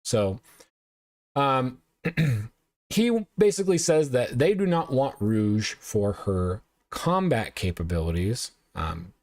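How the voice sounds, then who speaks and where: A man's voice: mid-range voice, animated, takes it slowly, a little mellow, dry recording, studio quality. A male show host casually recapping and reviewing anime episodes, rambling and often correcting himself with lots of uhs.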